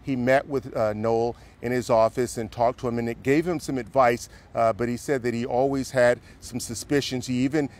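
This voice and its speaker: A male television news reporter with an American accent delivers a live report. His delivery is conversational and a little halting, as if he is putting the account together while he speaks. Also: mid-range voice, steady tone, a little mellow. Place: courthouse, live on location.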